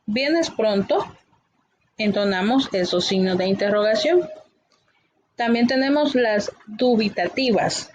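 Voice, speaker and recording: A woman teacher explaining a grammar lesson patiently, often pausing with fillers. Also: medium pitch, poor audio.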